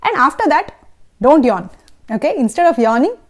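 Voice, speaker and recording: Woman vocal coach, patient explainer, slightly high pitch, lesson delivery with sung demos. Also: big pitch swings, moderate pace. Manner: patient, explanatory, checks in with "okay?" and "right?". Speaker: singing teacher.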